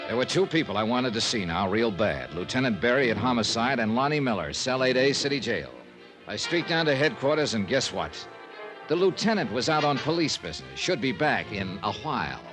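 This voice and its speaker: A man with a mid-range, close-to-everyday voice plays a wry, persistent insurance investigator, serving as narrator and lead detective in clipped 1950s radio drama style. He's very animated and a little fast, yet wry and measured, with punchy, clipped, conversational delivery. It's an old-time radio recording with music in the background.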